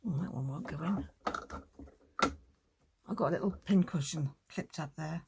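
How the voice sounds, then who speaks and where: A woman's voice: low-pitched, normal speed, vocal fry, noisy background. A woman hosting a casual crafting tutorial, chatting and thinking aloud as she works.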